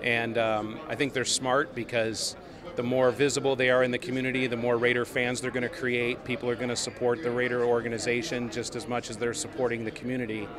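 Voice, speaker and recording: Man, forties, high school coach, earnest, rambling, lots of uhs, lapel mic, crowd chatter behind. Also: level tone, a little fast. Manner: earnest, rambling with many fillers. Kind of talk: on-camera interview. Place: outdoor stadium plaza with crowd around.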